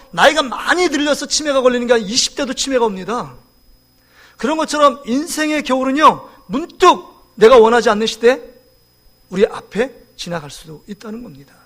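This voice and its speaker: Very high-voiced pastor in his forties. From South Korea. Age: 40s. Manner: lively, joking, asks the congregation questions. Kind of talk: sermon. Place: church sanctuary.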